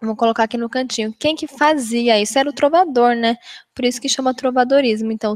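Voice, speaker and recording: A woman's voice: a little high, no echo, studio quality. A woman with a Brazilian Portuguese accent giving a casual literature lesson, often checking in with her listeners. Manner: chatty, keeps checking in with "né?" and "tá bom?". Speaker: literature teacher. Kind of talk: casual classroom-style lesson.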